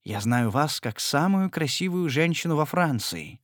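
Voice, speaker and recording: Excitable, devoted young gentleman from a storybook, as a male reader does him, fervent and raised, dry sound. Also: on the high side, measured pace, no echo. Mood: agitated. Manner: fervent, breathless.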